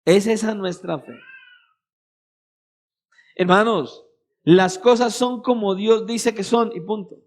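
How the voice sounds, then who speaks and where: A Colombian-accented pastor preaches in a very high voice. He presses his points with rhetorical questions and repeats key phrases for emphasis. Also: slow, long pauses. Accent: Colombian Spanish. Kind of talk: sermon. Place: church meeting hall.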